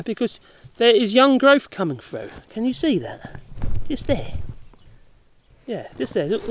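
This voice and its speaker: Woman gardening vlogger, outdoors, animated and playful, light joking banter. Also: medium pitch, slight background noise. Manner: chatty and jokey, chatting to her dog. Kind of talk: casual gardening walkthrough.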